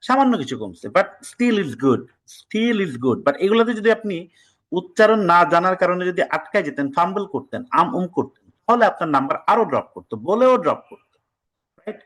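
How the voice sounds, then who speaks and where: A man's voice: high-pitched, very animated, a bit bright, poor audio. A man from Bangladesh leads an online test-prep class in a slightly raised voice. He lectures casually and drops English words into his sentences. Now and then he scolds his students. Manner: reads practice passages aloud slowly and deliberately.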